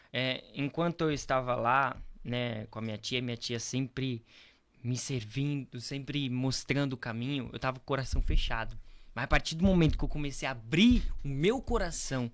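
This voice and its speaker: A young man from Brazil, a pastor appearing on a podcast, tells the story of his faith in an informal testimony. His medium-pitched voice is a bit bright and moves at normal speed, and he speaks earnestly, repeating phrases and frequently ending with tag questions.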